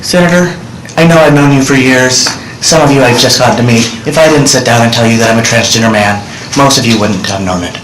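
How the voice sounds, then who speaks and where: A fast-talking middle-aged man with a mid-range, fairly bright voice delivers earnest public testimony to senators from a desk microphone. The large hearing room gives the audio a roomy quality with slight background noise.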